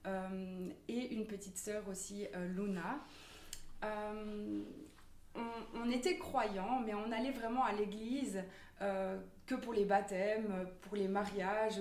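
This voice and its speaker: A woman's voice: mid-range voice, darkish tone, slight background noise. Hesitant woman, echoey and distant. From Normandy, France. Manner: hesitant, many fillers and restarts. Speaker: church member giving testimony. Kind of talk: personal testimony in church. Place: church hall. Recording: echoey room from far off.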